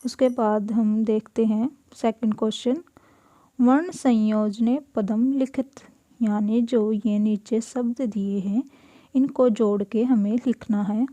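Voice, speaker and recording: A woman teacher going through a school lesson, saying each word slowly and giving its meaning. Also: on the high side, fairly even intonation, mellow, dry recording. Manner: slow, deliberate, repeats each word and gives its meaning. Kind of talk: classroom lesson explaining Sanskrit words in Hindi.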